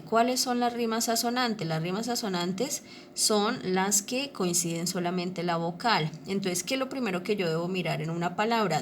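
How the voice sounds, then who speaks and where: A woman's voice: medium pitch, a little hiss or hum. A woman teacher explaining a lesson over slides, patient and repetitive, checking often that her listeners follow. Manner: patient, repeats ¿listo? and ¿cierto? to check understanding.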